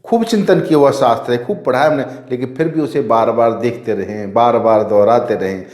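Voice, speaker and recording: Priest who quizzes then answers himself. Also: male voice, medium pitch, a little fast, darkish tone, echoey room. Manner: asks rhetorical questions and answers them himself; repeats key phrases for emphasis. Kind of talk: devotional teaching talk.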